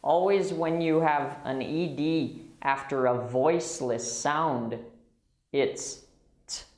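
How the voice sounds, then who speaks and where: A man teaching English pronunciation, slowly repeating single words and patiently explaining the sounds. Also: a little high, a little mellow, reverberant. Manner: slow, patient, models words in isolation. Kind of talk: pronunciation drill lesson.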